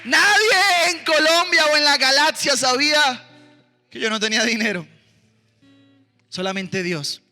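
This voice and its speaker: Male missionary preacher, very high and piercing, animated storyteller; hall reverb, soft music under. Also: unhurried, pauses often. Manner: animated storytelling, calls on the congregation to respond. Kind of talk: sermon testimony. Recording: roomy hall with music behind.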